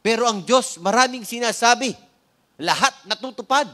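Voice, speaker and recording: A man with a Filipino accent preaching a sermon, often asking the congregation "Amen?" and slowing down to stress key words, with light joking asides. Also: very high-pitched, bright, forceful tone. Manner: frequent "Amen?" prompts to the congregation. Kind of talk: sermon with opening prayer.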